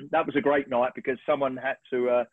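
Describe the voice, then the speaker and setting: A husky man in his fifties tells long, animated stories about his work, clearing his throat now and then. His voice sits in the middle range and comes through a thin, phone-like video call. The sound is dry, with no room around it. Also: mid-range voice, moderate pace, no room sound. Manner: animated, rambling storyteller with frequent throat clearing. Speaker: sports photographer guest. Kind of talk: relaxed anecdotal storytelling on a webinar.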